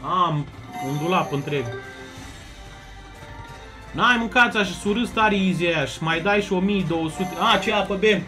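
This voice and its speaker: A young man from Romania runs a casual slots livestream in a high-pitched voice, loud and excitable as he rattles off greetings to viewers. Clear music plays behind him. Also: long pauses. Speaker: slots streamer. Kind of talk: casual live-stream chat.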